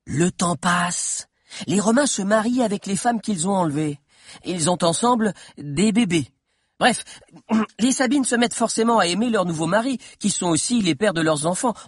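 A man's voice: sits high, lively intonation, measured pace, no echo, clean studio sound, voice pushed up. A man voicing a timid, bespectacled teenage boy historian who lectures nervously, in an audiobook. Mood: storytelling. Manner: nervous lecturing storyteller, growing bolder. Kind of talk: audiobook character voice.

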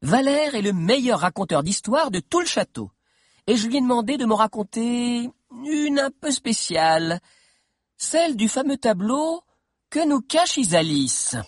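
A man's voice: very high voice, lively intonation, a little slow, no room sound, clean studio sound, voice pushed up, heavily acted. A man voicing a bold, teasing teenage girl who leads a group, in an audiobook. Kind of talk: audiobook character voice.

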